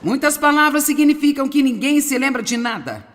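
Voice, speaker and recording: A woman preaching a sermon in an animated way, with wry humor and frequent asides to the audience. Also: high-pitched, moderate pace, in a large hall, slight background noise. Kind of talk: sermon, dubbed.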